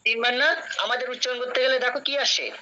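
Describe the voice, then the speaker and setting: A man's voice: very high voice, steady tone, fast, pushed and bright, lo-fi sound. A young man teaching a classroom lesson, patient and questioning, often checking that his students follow. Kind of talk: classroom lecture.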